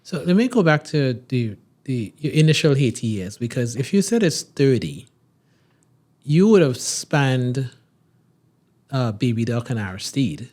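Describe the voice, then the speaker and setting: A man from Trinidad hosts a podcast interview in a mid-range voice. He asks long, rambling questions with plenty of pauses and fillers. Between his questions he keeps up a stream of short acknowledgements. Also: mid-range voice, very animated, a little mellow. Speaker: podcast host.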